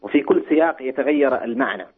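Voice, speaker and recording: A man from Saudi Arabia is heard over the phone, his voice thin and tinny through the line. He talks very fast with a husky, slightly raspy tone. He hesitates and restarts his phrases as he gropes for the right words. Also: mid-range voice. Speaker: caller to a religious call-in program. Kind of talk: phoned-in question.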